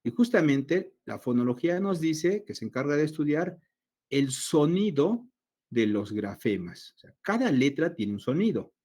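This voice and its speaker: A man's voice: on the high side, very animated, a little mellow. Male teacher lecturing on a video call. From Latin America. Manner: explains slowly, asks himself students' questions. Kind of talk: online class lecture.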